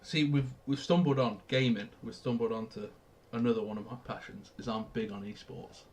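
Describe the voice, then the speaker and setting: A man's voice: medium pitch, steady tone, fairly quick, a little mellow. Young man, from Australia, enthusiastic, podcast co-host, casual sports chat. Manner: enthusiastic, explains plays.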